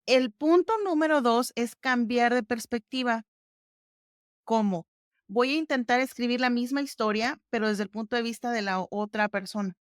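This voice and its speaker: A woman hosts a podcast, walking listeners through exercises step by step in a casual, conversational style with warm fillers like "ujú." Her clear, resonant voice is a little high and moderately paced, recorded with studio quality and no echo.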